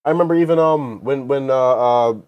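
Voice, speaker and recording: Animated man talking in a dry studio. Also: fairly quick, clear, resonant tone, no room sound, highs cut off. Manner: animated, breaks into mocking high-pitched impressions. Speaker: podcast co-host. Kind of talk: casual podcast discussion.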